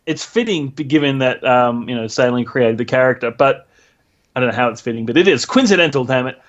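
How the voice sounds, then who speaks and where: A man's voice: medium pitch, fairly quick. Podcast host guy, earnest, laughs a lot, kinda muffled lo-fi sound. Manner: earnest, laughs easily, reads quotes aloud. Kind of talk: casual chat and news reading. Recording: dull lo-fi mic.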